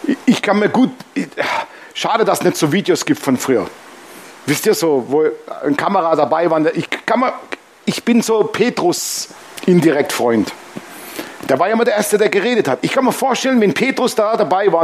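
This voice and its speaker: A man's voice: sits high, a little hiss or hum. A man preaching a sermon as pastor, emphatic and humorous, often calling out "Amen".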